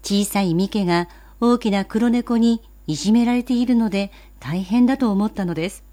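A woman narrating a children's story in a gentle, even, politely old-fashioned way. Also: mid-range voice, moderate pace. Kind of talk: storybook reading.

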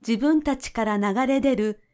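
A woman narrating a children's story in a gentle, measured way. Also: a little high.

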